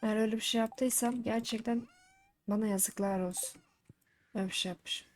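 A woman's voice: a little high, steady tone, brisk, a little mellow, a little hiss or hum. A young woman streaming a farming game, chatting to the characters and bursting into exasperated complaints. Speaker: gaming streamer. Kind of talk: live let's-play commentary. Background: faint game music.

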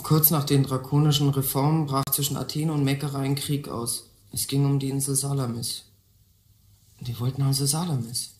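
In a German radio play, a performer voices a restless, impatient teenage schoolboy who is brash and slangy, grumbling, distracted, and muttering to himself. The voice is medium-pitched, level, at a moderate pace and only lightly acted, in a roomy recording with slight background noise.

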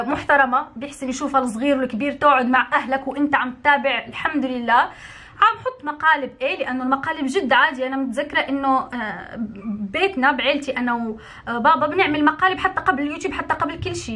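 A woman's voice: sits high, bright, forceful tone. A young adult woman from Morocco, a YouTuber speaking her mind to camera, emphatic and indignant, repeating points for stress. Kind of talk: talking-to-camera opinion vlog.

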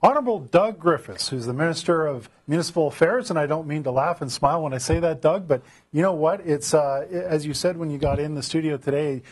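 A man's voice: a little high, quick pace, hardly any pauses, slightly rough. A man hosting a casual studio interview, chatty and rambling with lots of fillers, with a Canadian accent. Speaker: host.

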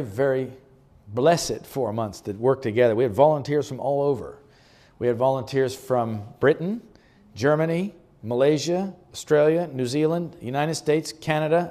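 A man giving a chatty, relaxed presentation about a health retreat to a church group, showing slides and chuckling often. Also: mid-range voice. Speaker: guest speaker presenting a health retreat ministry. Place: church meeting room.

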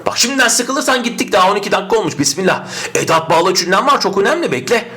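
A male grammar teacher giving a lively, emphatic exam-prep lesson, sometimes asking his students' questions aloud and answering them. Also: high-pitched, fast.

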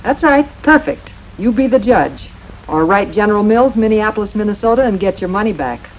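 A confident homemaker spokeswoman pitches a product with earnest, emphatic promises. Her mid-range voice comes through with the dull, lo-fi sound of a 1950s TV broadcast. A faint hiss runs under the speech. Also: expressive, fairly quick. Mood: assured. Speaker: brand spokeswoman. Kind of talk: scripted TV commercial pitch.

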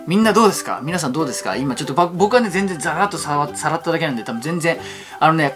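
A man hosting a fan channel, giving excited reaction commentary and talking in an excitable, rapid-fire way. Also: fairly high pitch. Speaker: YouTube fan channel host.

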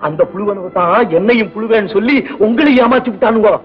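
An actor playing a naive young village shepherd, talking in a broad, excitable country dialect. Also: male voice, high-pitched, brisk, close to an everyday voice. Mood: earnest, rambling. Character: naive rustic young male shepherd, humble and guileless. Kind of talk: 1960s film acting. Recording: muffled old film soundtrack with music.

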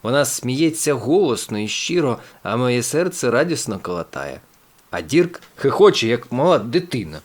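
Lively, animated male audiobook narrator. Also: medium pitch, moderate pace. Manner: expressive storytelling. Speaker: father reading audiobooks aloud.

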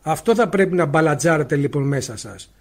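High-pitched male spiritual teacher, talking loud and emphatic over a bad mic on a live stream. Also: animated. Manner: loud, emphatic, asks rhetorical questions. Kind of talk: livestream talk. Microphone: faulty mic, spoken loudly into it.

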